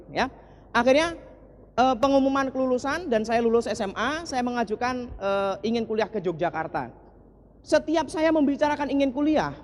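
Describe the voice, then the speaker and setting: Forties man from East Java, earnest motivational storyteller, long hall reverb. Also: extremely high pitch. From East Java, Indonesia. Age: 40s. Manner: earnest, often turns to the audience with short asides. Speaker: motivational speaker. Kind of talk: personal story told to an audience.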